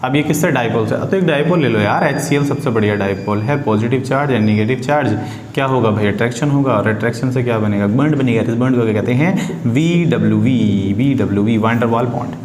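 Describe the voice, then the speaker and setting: Here a chemistry teacher talks a little fast in a darkish, mid-range voice. He keeps the lesson informal, repeating himself and asking rhetorical questions, recorded in an echoey room with slight background noise.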